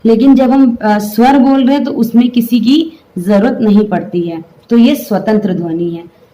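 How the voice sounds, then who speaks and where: Mellow-voiced woman teaching a grammar lesson. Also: a little high, normal speed, rough recording. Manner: explains step by step, asks students to repeat sounds aloud.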